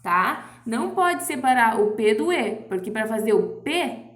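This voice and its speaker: A woman's voice: on the high side, big pitch swings, fairly bright tone, echoey room. A young woman teacher with a Brazilian Portuguese accent, patiently explaining a lesson to children, checking often that they follow. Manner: patient, explains slowly with many "ó" and "tá?". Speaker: primary school teacher. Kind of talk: recorded remote class lesson.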